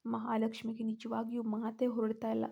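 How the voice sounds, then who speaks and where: A woman narrating a serial story in an even, measured way, taking on her characters' voices. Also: on the high side, creaky, husky, lo-fi sound.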